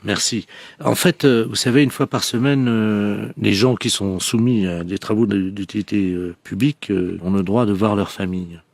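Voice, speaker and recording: A man making a prank phone call, speaking hesitantly with many pauses. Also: fairly low pitch, fairly even intonation, vocal fry, a little mellow, no room sound. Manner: hesitant, full of pauses and fillers. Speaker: prank caller.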